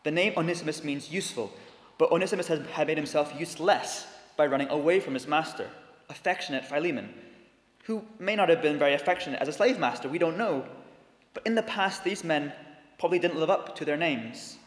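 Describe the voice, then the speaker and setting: A man preaching a sermon in earnest, slowing down to stress key words. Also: fairly high pitch, expressive. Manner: earnest, slows down for emphasis. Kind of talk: sermon with dramatic reading. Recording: echoey hall with long reverb.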